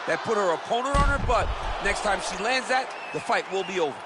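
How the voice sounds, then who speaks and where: High-pitched, emphatic fight analyst. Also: male voice, lively intonation, brisk. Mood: emphatic, analytical. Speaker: colour commentator on cage fights in a video game. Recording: loud arena noise behind voice.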